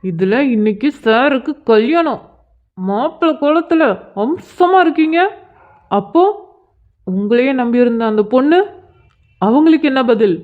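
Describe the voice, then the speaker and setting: A fierce cartoon schoolboy scolds and threatens a grown man to protect an older sister figure, voiced by a woman. The voice is slightly high and confrontational, and it sounds tinny, as if heard over a phone. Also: expressive, measured pace, pauses often. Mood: angry.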